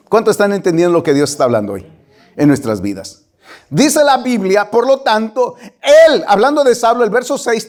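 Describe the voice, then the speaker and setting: A man preaching a sermon, emphatic and animated, dropping at times to a whisper. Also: high voice. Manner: emphatic, rising and falling delivery with whispered asides. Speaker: pastor.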